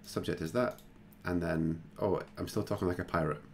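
A man hosting a screen-recorded software tutorial, talking casually and thinking aloud with plenty of fillers. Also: deep voice, steady tone, moderate pace, a little hiss or hum. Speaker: tutorial host.

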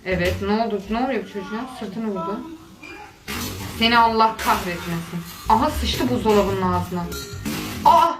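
A woman's voice: mid-range voice, normal speed, over music. A woman giving casual reaction commentary on funny videos, chatting and cooing doting exclamations at what she watches. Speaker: video creator. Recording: echoey room with faint noise.

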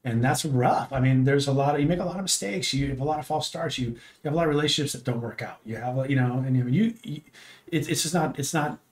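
A man's voice: mid-range voice, fast. Fifties man, guest on a home podcast, rambling talker with many restarts. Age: 50s. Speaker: podcast guest, host's father. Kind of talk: casual chat. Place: home streaming room.

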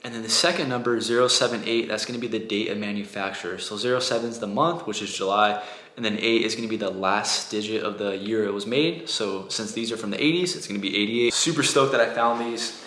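Quick-talking man vlogging with a handheld camera. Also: fairly low pitch, reverberant, slight background noise. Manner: relaxed, chatty, lots of "like" and "gotcha". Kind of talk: casual vlog narration. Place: outdoor flea market, car and apartment kitchen. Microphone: handheld camera at arm's length.

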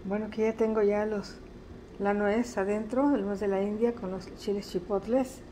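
Mellow, chatty woman showing a home recipe. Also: mid-range voice, fairly even intonation, low-quality recording. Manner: homely, unhurried, chatty, with diminutives. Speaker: host of a home cooking channel. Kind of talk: casual recipe demonstration. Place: home kitchen, indoors. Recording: faint-to-clear background noise, home kitchen.

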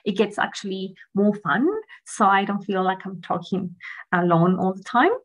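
A Chilean woman in her thirties gives a friendly, chatty guest lecture over a video call, saying "um" frequently. Her mid-range voice holds a steady tone at a normal speed.

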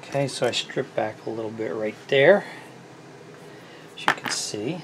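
Working through a repair at his bench, a middle-aged small engine repair host chats casually and thinks aloud, self-deprecating and easygoing in this hands-on tutorial. He speaks a little slowly and expressively at medium pitch, and the recording is very noisy.

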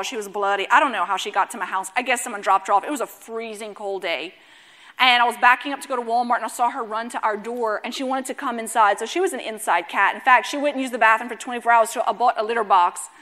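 Bright, high-voiced woman preaching. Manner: animated, preaching with rising intensity and humor. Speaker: pastor. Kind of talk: sermon.

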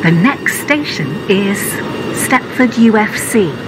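A woman's voice: animated, slow pace. A woman's recorded train announcements, with the words spliced together into evenly paced phrases that have uneven joins. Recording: train announcement with loud rumble. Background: train running noise.

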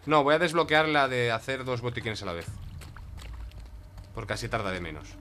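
Speaking briskly in a sharp, medium-pitched voice, this Spain Spanish-accented gaming YouTuber chats casually through his gameplay, addressing both himself and his cat. A little hiss or hum can be heard.

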